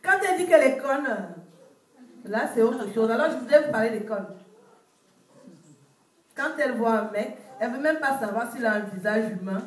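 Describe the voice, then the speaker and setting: A woman from Cameroon with a Cameroonian French accent, telling animated stand-up stories and acting out village characters. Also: a little high, normal speed, pauses often. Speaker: stand-up comedian. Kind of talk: stand-up storytelling. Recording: echoey room from far off.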